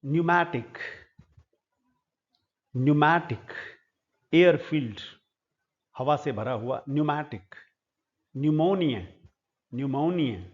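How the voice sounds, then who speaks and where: A man's voice: fairly high pitch, expressive. Indian guy teaching pronunciation, says each word over and over, kinda dull lo-fi audio. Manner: slow, repeats each word several times. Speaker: English teacher. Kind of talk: pronunciation lesson.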